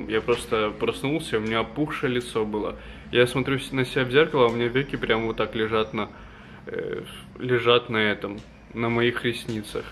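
A man in his twenties vlogs casually to a camera held at arm's length in a small apartment room, his voice medium-pitched with a fairly bright tone. The handheld camera audio is noisy and picks up room ambience.

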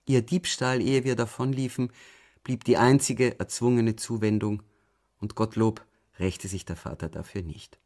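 A man narrating an audiobook in a calm, measured way, often going soft at the ends of phrases. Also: on the low side. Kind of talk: scripted narration.

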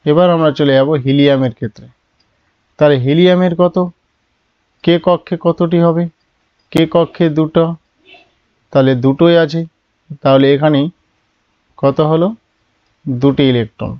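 A man teaching chemistry in a classroom style, patient and step by step, asking questions and then answering them himself in a lower voice. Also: fairly even intonation, normal speed, pauses often, clear, resonant tone, dry recording, highs cut off. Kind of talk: classroom lesson.

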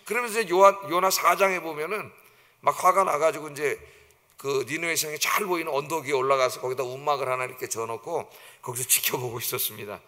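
A middle-aged male pastor giving an animated sermon in a church, telling the story vividly and often checking in with the congregation. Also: a little high, fast. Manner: animated storytelling, acts out quoted voices, often asks "예?" to the congregation. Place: church sanctuary. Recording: church hall reverb.

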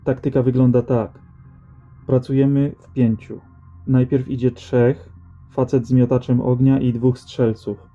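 A blunt, sardonic veteran rat-hunter, voiced by a male reader in a storybook reading, with a dark, mellow tone. He talks in dry, matter-of-fact banter. The audio is slightly dull, with faint music underneath. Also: medium pitch, flat delivery, unhurried. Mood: boastful.

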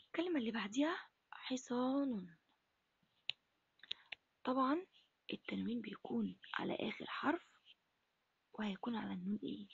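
A woman teaching Arabic to first graders in an Egyptian accent, asking questions and answering them herself in a breathy, half-whispered voice. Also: a little high, moderate pace, long pauses, dry recording, highs cut off. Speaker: primary school Arabic teacher. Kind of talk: recorded lesson for first graders.

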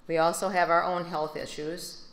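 An older woman with a Midwestern American accent, giving a steady, subdued prepared speech at a podium into a handheld mic. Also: lowish voice, moderate pace. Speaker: grieving mother giving a speech. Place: large banquet hall. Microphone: handheld microphone. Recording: echoey banquet hall.

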